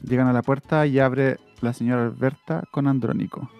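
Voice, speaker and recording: Laughing Chilean game master. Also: male voice, mid-range voice, steady tone, moderate pace, vocal fry, highs cut off, soft background music. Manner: rambling, laughs often, restarts. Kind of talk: narrating a tabletop role-play.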